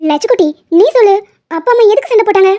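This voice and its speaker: A woman's voice: extremely high pitch, lively intonation, very fast, warm tone. Woman voicing a scolding cartoon grandmother. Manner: scolding, demanding. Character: stern grandmother, scolding her grown son.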